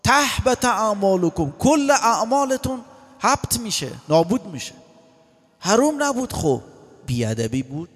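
A man giving a lively religious lecture, quoting scripture and acting out short dialogues. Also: sits high, husky. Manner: animated, acts out voices and quotes scripture. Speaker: cleric. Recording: long hall reverb.

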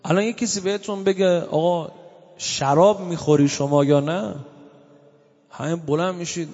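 High-pitched preacher man in echoing hall. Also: steady tone. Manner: swings between loud exclamation and soft drawn-out recitation. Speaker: cleric preacher. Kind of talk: sermon. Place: mosque gathering hall. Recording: dull recording with long reverb.

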